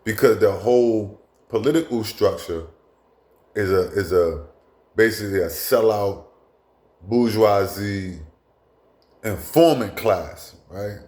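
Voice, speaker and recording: A man's voice: lowish voice, takes it slowly, pauses often, darkish tone, echoey room. A man talking bluntly in a casual monologue as a commentator, with frequent restarts and asides. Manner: blunt, profane, repetitive with many asides and restarts.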